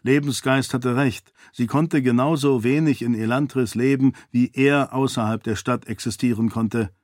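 A man narrating a fantasy audiobook in a steady, clear storytelling manner. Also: medium pitch, normal speed, dry recording, clean studio sound.

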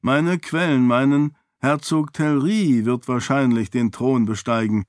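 A man's voice: medium pitch, fairly even intonation, a little slow, dry recording, pitched above the performer's own voice, natural voice. A man voicing a wry, teasing old king. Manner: dry, gently teasing. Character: wry, fond older king and father. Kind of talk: audiobook character voice.

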